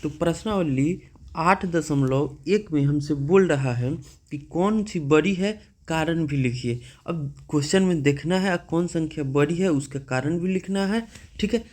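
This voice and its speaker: A man's voice: a little high, measured pace, darkish tone. A man teaching a math lesson, patiently asking questions and checking in with "okay" often.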